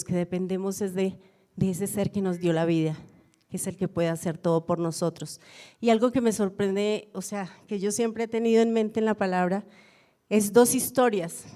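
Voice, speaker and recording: A woman's voice: fairly low pitch, warm tone. A woman pastor, preaching a sermon in a reflective storytelling way and often repeating phrases for emphasis. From Colombia.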